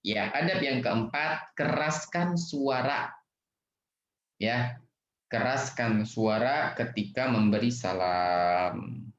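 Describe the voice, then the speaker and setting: A man's voice: mid-range voice, slow, a little hiss or hum. Playful man teaching children on a video call. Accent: Indonesian. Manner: lively and playful, acts out loud and soft greetings. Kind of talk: online lesson for children. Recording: roomy, dull video-call audio.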